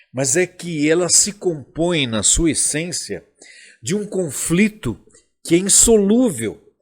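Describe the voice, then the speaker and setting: A man with a Brazilian Portuguese accent preaching a sermon as pastor, slow and emphatic, with a husky voice. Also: a little high, darkish tone.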